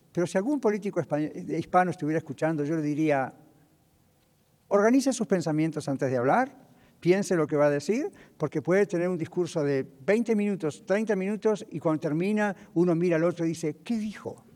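A man's voice: a little high, a little mellow. A man preaching a sermon, asking his listeners questions and answering them himself, now and then dropping in an English word. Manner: drops in English words. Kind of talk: sermon to a congregation. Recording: reverberant hall.

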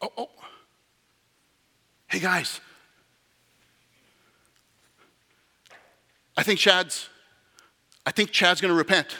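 Guy putting on an excited scout angel voice, higher and louder, bright, big hall echo. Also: full character voice. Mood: eager excited. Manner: excited, hopeful, hurried. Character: eager male scout angel watching earth.

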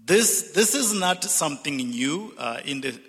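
Zambian guy giving a slow earnest talk, bright tone, echoey big church. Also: fairly high pitch, expressive. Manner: earnest, deliberate, repeats words when building a point. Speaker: speaker at a church reconciliation event. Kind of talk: reflective speech to an audience. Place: large church sanctuary. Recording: long hall reverb.

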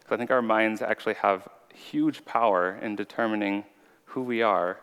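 A man with a lowish, smooth, slightly bright voice speaks at normal speed, delivering an earnest, conversational sermon with personal testimony. He's an informal preacher with a slight stutter, recorded in a large, reverberant hall.

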